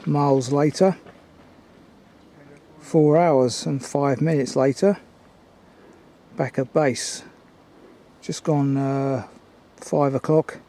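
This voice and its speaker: An older man giving a casual, unhurried, observational commentary as he films a walk outdoors. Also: mid-range voice, steady tone, mellow. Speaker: hiking vlogger. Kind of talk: casual walking commentary to camera. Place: outdoors on woodland and mountain trail. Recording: outdoor ambient noise.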